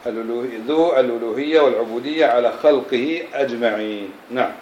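Male religious teacher lecturing a class, mid-pitched voice, echoey room with a faint hum, breaks in with quick questions to the students. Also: darkish tone, muffled recording. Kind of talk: classroom lesson explaining scripture.

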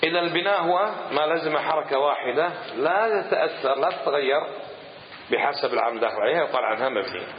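A man's voice: fairly high pitch, a little hiss or hum. Guy teaching grammar in a lecture room, patient, reads out lists, long hall echo, kinda muffled. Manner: patient, lists words in a measured cadence. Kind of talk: classroom grammar lesson. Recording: echoey hall, dull lo-fi sound.

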